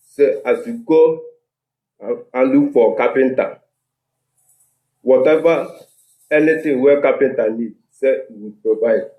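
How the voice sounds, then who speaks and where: A man's voice: mid-range voice, mellow. A man with a Nigerian accent speaks Nigerian Pidgin mixed with English, giving a step-by-step complaint as a tenant into a handheld microphone. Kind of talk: step-by-step account of a grievance. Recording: echoey room, handheld microphone.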